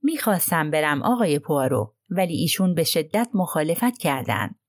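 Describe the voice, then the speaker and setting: Woman doing an aggrieved, low-voiced old housekeeper. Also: very animated, no echo, studio quality. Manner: indignant, aggrieved complaining. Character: prim, self-righteous older housekeeper woman.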